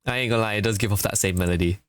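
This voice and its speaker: A man streaming a game with casual, chatty, excitable commentary full of fillers. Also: lowish voice, very fast, clean tone, no echo.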